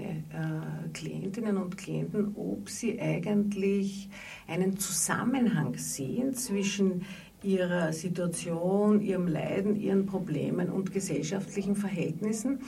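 A middle-aged psychotherapist in private practice speaks thoughtfully and hesitantly, with many fillers, in a radio interview. Her medium-pitched voice is unhurried, creaky, and warm, picked up on a distant mic with faint background noise.

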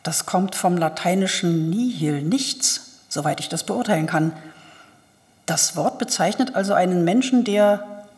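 A woman reading a gentle, hesitant father. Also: fairly low pitch, a little slow, lightly acted. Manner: murmuring, hesitant. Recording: long hall reverb.

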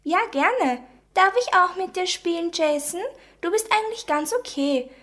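Pouty little girl, high and stubborn, voiced by a woman for a radio story. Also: animated, moderate pace, a bit bright. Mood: unsure. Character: young girl, defiant then unsure.

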